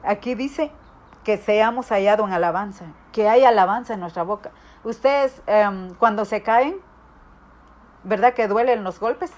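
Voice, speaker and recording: A woman's voice: medium pitch, a little slow, a little mellow. A woman preaching a sermon, telling personal stories and acting out quoted voices. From Guatemala. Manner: storytelling, acts out quoted voices. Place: church hall.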